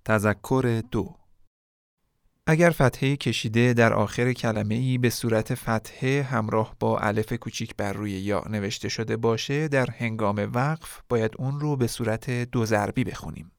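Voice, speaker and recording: Smooth-voiced man teaching Quran reading. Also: medium pitch, dry recording, studio quality. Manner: measured, slows and stretches example words. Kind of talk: scripted instructional narration.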